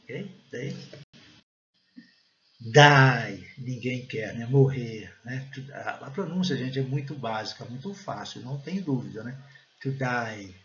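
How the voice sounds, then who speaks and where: A Brazilian man with a Brazilian Portuguese accent teaches English pronunciation online at a mid-range pitch. He walks through each word step by step, slowing down to model the English phrases. The recording is a little dull, with faint hiss underneath. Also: animated, a little mellow. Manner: explains step by step, often adds "né?" and "gente".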